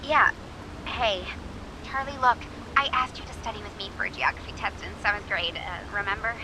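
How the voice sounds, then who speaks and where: A woman voices an awkward, flustered young radio advice host in a video game, rambling, correcting herself and slipping in dry sarcasm as she sounds nervous and defensive. Her natural voice is medium-pitched and moves at a normal speed. The naturalistic performance plays against a noisy background.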